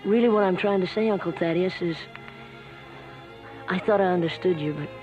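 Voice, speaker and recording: A young actor playing an earnest, gentle young man who speaks softly and pleads hesitantly, in 1960s TV western acting. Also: sits high, normal speed, lightly acted. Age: young adult. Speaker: young singer visiting his uncle. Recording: dull vintage TV soundtrack with music.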